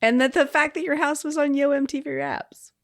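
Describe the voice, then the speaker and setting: A woman's voice: high-pitched, steady tone, fairly quick, vocal fry, no echo, clean studio sound. A woman in her forties co-hosting a podcast, easygoing and agreeable, swearing casually. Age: 40s. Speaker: podcast co-host. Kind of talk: casual chat.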